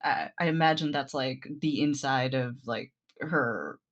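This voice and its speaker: A woman's voice: very deep voice, measured pace, muffled recording. A woman playing a tabletop game, narrating her character in a loose, casual way with some swearing. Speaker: player.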